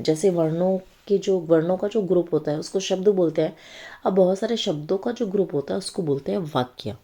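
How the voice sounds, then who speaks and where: A woman with a low, mellow voice walks young children through a reading worksheet. She speaks slowly and patiently, naming each word and checking in with the children often. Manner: slow, patient explaining with frequent check-ins. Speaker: teacher.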